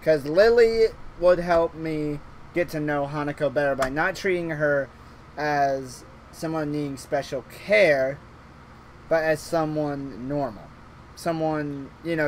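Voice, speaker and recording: A man with a fairly high voice chats through a visual novel stream, rambling and restarting his sentences and breaking into laughter often. A faint hiss sits under the recording. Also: a little slow. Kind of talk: casual let's-play chat.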